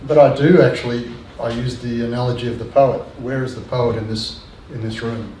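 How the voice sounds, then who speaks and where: A man's voice: mid-range voice, steady tone, fairly quick, mellow. An older man speaking earnestly on a discussion panel, hesitating with frequent ums and restarts. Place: lecture room. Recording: echoey room, distant mic, faint noise.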